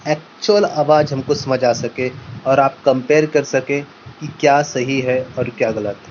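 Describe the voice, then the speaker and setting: Talking to his audience in a relaxed product test, this tech reviewer explains things one step at a time and repeats himself. He speaks fairly high with a touch of mellowness. Background noise fills the dull, amateur-sounding audio.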